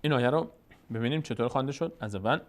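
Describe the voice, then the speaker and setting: A man with an Afghan Dari accent gives a step-by-step Quran reading lesson. He speaks patiently and repeats each syllable slowly and drawn out, so learners can follow. His voice sits at a middle pitch. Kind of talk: slow step-by-step recitation lesson.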